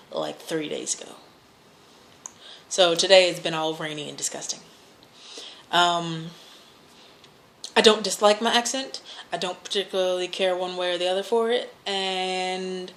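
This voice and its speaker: An American woman with a lowish, fairly bright voice chats casually while answering questions, rambling and hesitating as she corrects herself. There is noticeable background noise.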